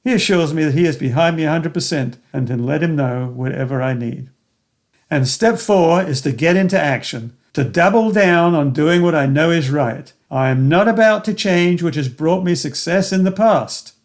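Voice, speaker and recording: Older male memoir narrator, slightly higher-pitched, earnest and reflective, first-person storytelling. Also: moderate pace. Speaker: narrator of his own memoir.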